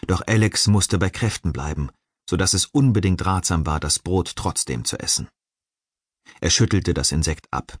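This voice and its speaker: A man reading an audiobook in measured, suspenseful narration. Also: low voice, husky, dry recording, studio quality. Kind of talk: scripted narration.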